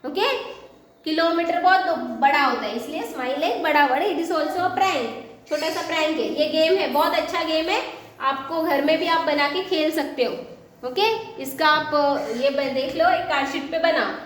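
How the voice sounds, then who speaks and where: High-voiced teacher in an echoey room. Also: female voice, a bit bright. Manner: slow, drawn-out English lines, brisk Hindi explanations; has the class repeat words after her, sings short rhymes. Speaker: school teacher. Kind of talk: online English lesson in Hindi and English. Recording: very echoey room, faint hiss.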